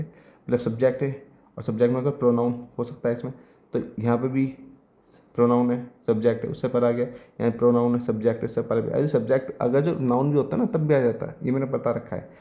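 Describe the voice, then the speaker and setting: A man teaching an English grammar lesson for exam preparation, dictating example sentences slowly and repeating them word by word. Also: mid-range voice, mellow, reverberant, dull audio.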